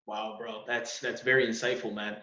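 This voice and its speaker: A man's voice: fairly low pitch, little pitch movement, normal speed, sharp tone. A man hosting a podcast, asking questions in a laid-back way and calling his guest "bro" and "dude". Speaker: podcast host. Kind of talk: casual interview chat. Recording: roomy, dull sound.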